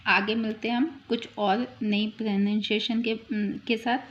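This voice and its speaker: A woman teaching German pronunciation, slowly repeating each example word several times. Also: a little high, flat delivery, slight background noise. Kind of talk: slow online language lesson. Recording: dull lo-fi recording.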